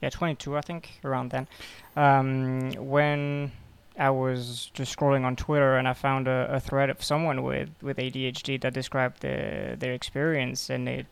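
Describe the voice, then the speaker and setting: A man in his twenties from Belgium, a podcast guest telling his story in a halting way, repeating words and filling pauses. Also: medium pitch, flat delivery, vocal fry, clean tone. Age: 20s. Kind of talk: casual interview.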